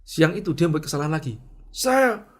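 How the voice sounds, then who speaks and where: A middle-aged man with a somewhat high-pitched voice tells a personal story in a monologue. He acts out his past outbursts with sudden raised shouts, then sinks into a hushed, self-questioning tone as he reflects. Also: brisk. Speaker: speaker sharing leadership lessons.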